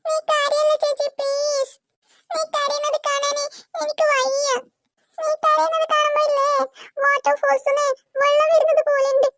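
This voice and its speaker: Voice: very high-pitched, flat delivery, a bit bright, a little hiss or hum. A performer voicing a stubborn, teasing little boy in a cartoon who drags out his words. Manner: whiny, slow, cheeky.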